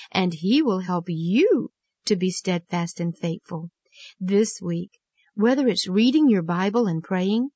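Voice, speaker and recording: A woman's voice: medium pitch, breathy edge, no room sound. Woman children's Bible teacher, earnest storytelling, dull dry recording. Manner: earnest, gently emphatic storytelling.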